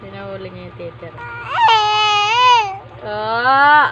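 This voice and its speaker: Mom vlogger, playful singsong coos, unhurried, engine hum behind. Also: female voice, medium pitch, animated, distant mic, lo-fi sound. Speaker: mother vlogging her baby. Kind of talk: baby talk to an infant, asides to viewers.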